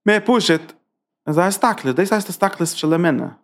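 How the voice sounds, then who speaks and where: A man's voice: high voice, animated, normal speed, fairly bright tone. A man teaching a Torah class as a rabbi, driving his points with rhetorical questions and emphatic repetition. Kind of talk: Torah lecture.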